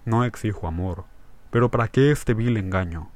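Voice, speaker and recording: A man's voice: fairly low pitch, moderate pace, close to an everyday voice. A man reading the part of a grieving, betrayed husband who pleads tearfully and with vehemence. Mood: tearful pleading.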